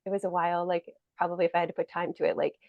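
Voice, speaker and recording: A woman's voice: fairly low pitch, little pitch movement, very fast, gravelly, no room sound, highs cut off. A woman co-hosting a podcast in casual chat, rambling with lots of "like" fillers. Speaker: podcast co-host.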